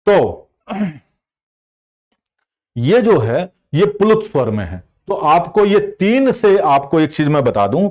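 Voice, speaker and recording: A man's voice: on the high side, a little mellow. A man teaching an online exam-prep class. He explains patiently, asks the class questions and then answers them himself. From India. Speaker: Hindi teacher.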